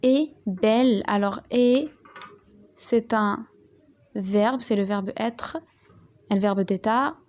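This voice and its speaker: A young woman teaching a primary school French lesson, dictating slowly and spelling words out letter by letter. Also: mid-range voice, darkish tone.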